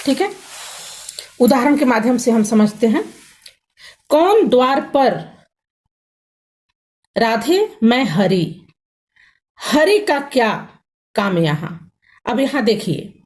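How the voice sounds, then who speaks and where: A young woman teaching a grammar lesson, explaining slowly and patiently and checking in often with her students. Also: fairly high pitch, a little mellow. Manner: slow, patient explaining with many "thik hai" check-ins.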